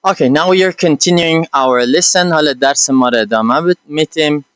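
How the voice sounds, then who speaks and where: A male English teacher with an Afghan accent speaks slowly in English, then switches to a quicker translation. His voice is smooth and clear, a little higher than most men's, and recorded close and dry. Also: fairly bright tone, no echo. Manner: slow careful English, then quick translation with frequent fillers. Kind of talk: bilingual English lesson, explaining each line in Dari.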